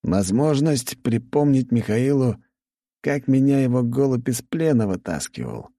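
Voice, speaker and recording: A man's voice: medium pitch, sing-song, a little slow, dark tone, no echo, studio quality, pitched above the performer's own voice. A male narrator voicing a wry, joking young aristocrat in an audiobook, in a raised register.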